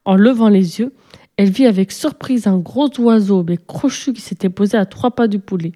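Casting: a woman reading a children's storybook, warm and mellow, at a steady, even pace. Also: medium pitch, moderate pace. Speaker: narrator.

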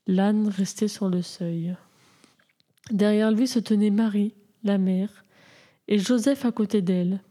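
A woman reading a Christmas storybook aloud in a measured, gentle way. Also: mid-range voice, steady tone.

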